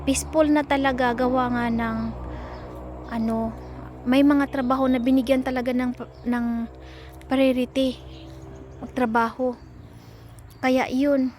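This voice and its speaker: A woman's voice: sits high, little pitch movement, a little slow, long pauses, a little mellow, a little hiss or hum. A woman from the Philippines chatting casually in a vlog, often talking baby-talk to her cat. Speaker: vlogger.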